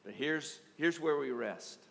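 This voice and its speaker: A man from the United States preaching at a conference, speaking in short phrases and pausing for an interpreter. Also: on the high side, expressive, gravelly, a bit bright. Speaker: pastor. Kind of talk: conference sermon with live interpretation. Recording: echoey hall with long reverb.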